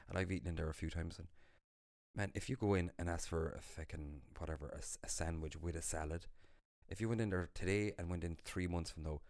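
A man's voice: deep voice, a little mellow, dry recording, clean studio sound. An Irish man with a Cork accent hosting a casual chat in an informal, slangy, sweary way. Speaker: host.

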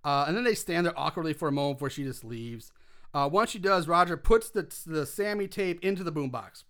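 A man's voice: a little high, animated, a little fast, a bit bright. A man co-hosting a casual podcast, recapping a movie scene by scene, chatty and swearing, with frequent laughs.

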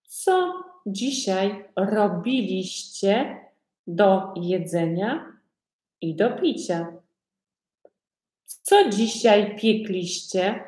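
Woman teacher, very slow deliberate speech, repeats easy questions, echoey room. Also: mid-range voice, very animated, a little mellow. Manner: asks learners many simple repeated questions. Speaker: Polish language teacher. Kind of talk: slow repetitive language lesson.

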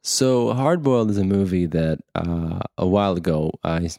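A man co-hosting a podcast in casual chat, thinking aloud in a halting way and repeating words. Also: low-pitched, gravelly, mellow, dry recording, clean studio sound. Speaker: podcast co-host.

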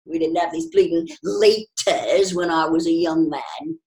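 A man's voice: a little high, a little slow, darkish tone. A woman voicing a grumbling, pugnacious old man, a London pub regular, in a roomy-sounding recording. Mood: indignant. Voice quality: gruff, pugnacious, aggrieved. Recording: roomy echo.

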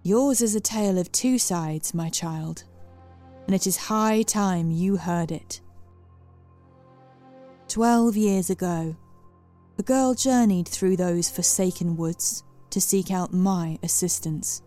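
Woman voicing an old storybook hag, crackling and smug, low and dark, faint music bed. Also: slow. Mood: menacing. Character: wiry old female hag, menacing and smug.

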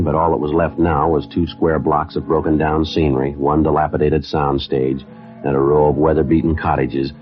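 Methodical detective, extremely low, matter-of-fact, clipped delivery; 1950s radio crime drama, dull vintage sound. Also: male voice. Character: terse, methodical male police detective narrating his case. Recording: muffled vintage radio recording.

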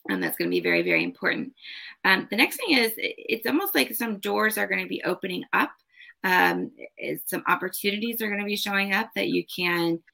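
A woman's voice: lowish voice, gravelly, pushed and bright. A woman giving a casual spoken card reading as host, advising in an emphatic, repetitive way. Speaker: tarot card reader and host.

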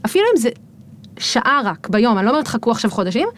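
A woman's voice: fairly high pitch, very animated. A woman guest on a podcast, talking casually and reflectively, with many fillers as she thinks aloud.

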